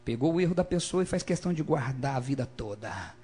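A man preaching a lively sermon, calling for responses from the congregation and swinging between loud emphasis and quiet asides. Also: mid-range voice, fairly quick, slightly rough.

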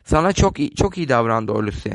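A man reading the part of a gentle, shrewd elderly spinster in a storybook reading, polite and a little fussy. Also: medium pitch, animated, a little fast, dry recording, voice pushed down, close to an everyday voice.

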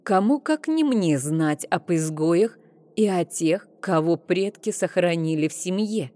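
A woman reading an audiobook, voicing a serene female temple priestess who speaks slowly, calmly and sternly. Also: fairly low pitch, big-room sound. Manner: slow, calm, stern.

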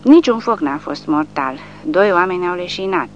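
Low-voiced woman reading an audiobook. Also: expressive, highs cut off, soft background music. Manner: measured, dramatic reading. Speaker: audiobook narrator. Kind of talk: scripted narration.

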